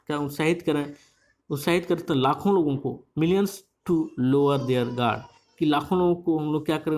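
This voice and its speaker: A teacher, reading newspaper lines slowly and explaining each phrase at length, with many repeats. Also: mid-range voice, darkish tone. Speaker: English teacher. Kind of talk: bilingual newspaper reading lesson.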